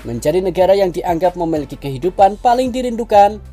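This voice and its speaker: Mellow female documentary narrator. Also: fairly low pitch, lively intonation, quick pace, soft background music.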